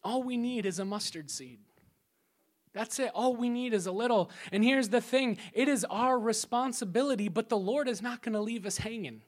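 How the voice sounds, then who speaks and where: Lively preacher man acting out scripture. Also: very high voice, moderate pace. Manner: lively preaching that drops to a hushed, prayerful tone in quoted prayers; acts out scripture scenes and crowd voices with playful sound effects. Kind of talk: sermon.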